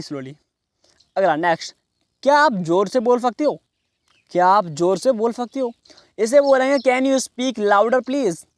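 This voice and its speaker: A man teaching in a class, explaining slowly and repeating each phrase. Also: high voice. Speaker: English teacher. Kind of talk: classroom lesson.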